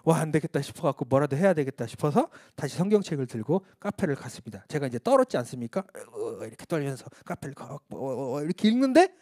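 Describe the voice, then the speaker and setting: A man's voice: a little high, very animated, fast talker, hardly any pauses, darkish tone, dry recording, studio quality. A male missionary preaching a candid testimony sermon at a church service, telling his story in a frank, self-mocking way.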